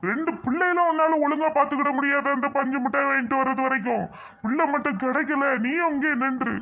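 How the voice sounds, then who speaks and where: A performer voicing a family father in a home-made skit, speaking in a high, lifted voice. He scolds plainly and then softens with relief. The recording is muffled and lo-fi, with a faint hiss. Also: steady tone, fast talker. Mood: scolding. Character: worried family father at a fair.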